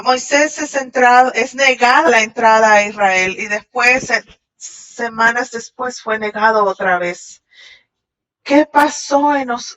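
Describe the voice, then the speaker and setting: A woman voicing a Shabbat message in translation, halting at times and restarting. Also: on the high side, bright, forceful tone. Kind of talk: translated sermon voice-over. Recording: dull lo-fi audio.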